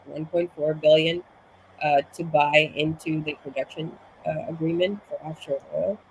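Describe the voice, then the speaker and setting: A woman's voice: low voice, steady tone, normal speed, darkish tone, a little hiss or hum, low-quality recording. A woman from Suriname, a guest in a casual interview, a bit out of breath from being sick, explaining at length with many restarts. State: slightly out of breath from illness. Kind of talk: casual conversation.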